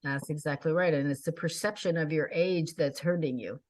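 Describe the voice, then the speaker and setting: Chatty woman in her sixties, low-pitched. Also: moderate pace, a little mellow. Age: 60s. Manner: enthusiastic, chatty, laughs often. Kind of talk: casual chat.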